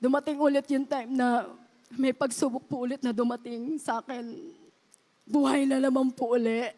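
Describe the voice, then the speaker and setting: A woman's voice: high voice, fairly even intonation, normal speed, dark tone. A woman giving an earnest, polite testimony to a church congregation, often addressing them as beloved. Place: church service.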